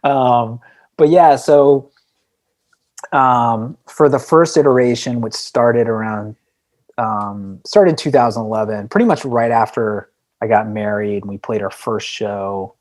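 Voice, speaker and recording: Here the same kind of casual storytelling comes from a man with a mid-range, darkish voice, unhurried and fairly even in intonation. He's an indie band frontman guesting on a podcast, rambling through band stories peppered with "like" and "you know."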